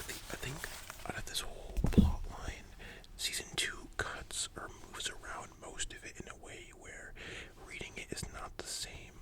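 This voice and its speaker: A person in a whispered role-play as a chatty, enthusiastic library worker, speaking in a soft, breathy library whisper with a casual, gushing manner. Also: lightly acted, rough recording. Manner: hushed, casual, gushing, conversational.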